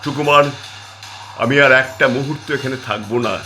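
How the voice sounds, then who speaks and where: A man's voice: mid-range voice, normal speed, pushed and bright, soft background music, lightly acted. A man voicing an older mother who sternly and reproachfully scolds her daughter. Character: stern indignant old mother.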